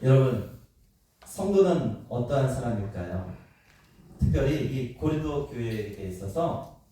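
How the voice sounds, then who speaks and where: Animated male pastor in an echoey sanctuary. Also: medium pitch, distant mic, a little hiss or hum. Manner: animated, acts out quoted voices, asks the congregation questions. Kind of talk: sermon. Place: church sanctuary. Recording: echoey church hall, speaker away from the mic.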